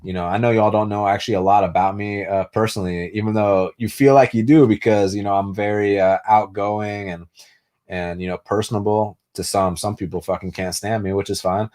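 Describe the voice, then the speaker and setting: Speaking fairly quickly with fairly even intonation, this young man has a low-leaning, slightly mellow voice. He hosts a laid-back live stream, answering viewers' comments with plenty of swearing, filler words and false starts. He's a native Spanish speaker who grew up in the US.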